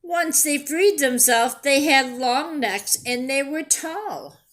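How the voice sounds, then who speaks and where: Her voice is high as she shares a picture book with little ones, expressive and deliberate throughout. She's a children's storyteller and teacher who pauses to ask simple questions and offer explanations.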